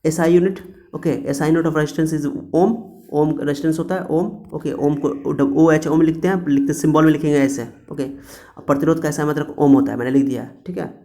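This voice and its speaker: A man's voice: a little high, fairly even intonation, normal speed, mellow. A man teaching a physics lesson in a classroom style, repeating key points and asking questions he then answers himself. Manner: repetitive, coaxing, asks and answers own questions.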